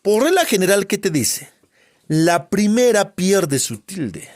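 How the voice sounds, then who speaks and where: Animated male grammar teacher. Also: high-pitched, slow, no room sound, studio quality. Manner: quizzing with rhetorical questions and "eh?" and "ve?" checks. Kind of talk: spelling lesson.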